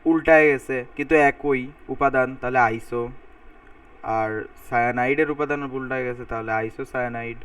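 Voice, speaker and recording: A man's voice: medium pitch, steady tone, fairly quick, fairly bright tone, smooth. A man giving a recorded chemistry lecture. He thinks aloud as he writes, and he repeats word endings to drill how they are said. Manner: talks while writing on a board, thinking aloud, repeating sounds to drill pronunciation. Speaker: chemistry teacher. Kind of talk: recorded lecture explaining formulas. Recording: voice a bit far from the mic.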